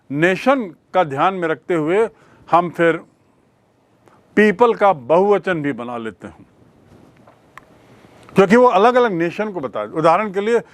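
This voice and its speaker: A male teacher with an Indian accent lectures on grammar, pausing slowly over each English example sentence and checking in with his class. His voice sits a touch high for a man, and he takes his time. The sound is close and dry, with no room echo. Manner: slows to a crawl on English example sentences, quick in Hindi; explanatory, asks the class questions.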